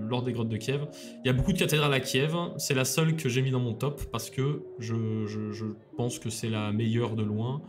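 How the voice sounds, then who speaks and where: A man co-hosting a casual podcast, presenting a city guide in a hesitant way with many fillers, dropping in dry jokes. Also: mid-range voice. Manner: hesitant, lots of fillers and restarts; dry joking asides.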